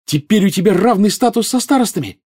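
A man voicing an eager teenage schoolgirl witch, excited and bookish. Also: sits high, fast talker, breathy edge, voice pushed up. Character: young teen witch, eager know-it-all girl.

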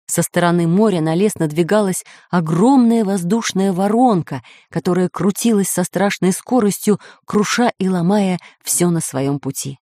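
Female children's audiobook narrator, steady; lower voice, dry mic. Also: normal speed, hardly any pauses, dry recording.

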